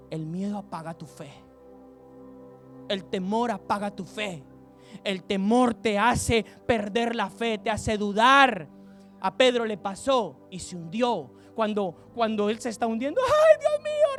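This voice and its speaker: A man preaching a fiery sermon, exhorting his listeners with rhetorical questions and bursts of shouting. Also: very high voice. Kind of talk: impassioned sermon.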